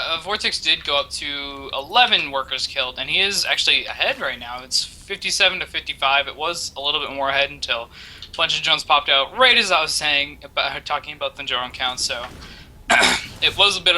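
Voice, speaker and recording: A man's voice: on the high side, a little fast, pushed and bright, low-quality recording. A man co-casting a video game match, upbeat and thinking aloud, often correcting himself mid-sentence. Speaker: esports co-caster. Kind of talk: casual game commentary.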